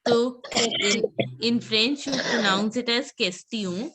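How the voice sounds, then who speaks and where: Slow patient woman teaching French. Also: fairly high pitch, noisy background. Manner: patient, repeats words slowly for students. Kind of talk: online French class. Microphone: video call.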